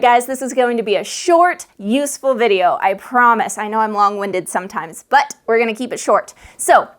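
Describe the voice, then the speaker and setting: A woman with a somewhat high voice talks through tabletop game tips in a chatty, animated way. She speaks casually, close to the mic, as a how-to host. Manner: chatty, animated, demonstrates voices by shifting pace and pitch. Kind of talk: casual how-to video talk.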